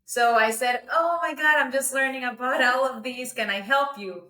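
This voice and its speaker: A young woman, a podcast guest telling her story in an animated way. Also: high-pitched, moderate pace. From Costa Rica. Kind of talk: casual interview. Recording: echoey room.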